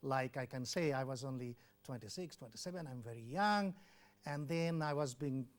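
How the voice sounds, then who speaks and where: At a normal speed and medium pitch, an older man from Bangladesh speaks expressively about his life during an interview. He is a former health official who represented the WHO in his country. Earnest in manner, he repeats words and acts out dialogue from memory.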